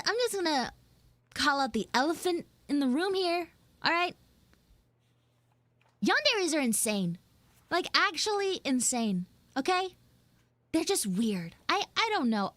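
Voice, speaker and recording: This woman is a VTuber host on a livestream, doing live roleplay chat and casual storytelling with her audience in an expressive, exclamatory manner. She has a high, slightly bright voice, and the recording has no room sound.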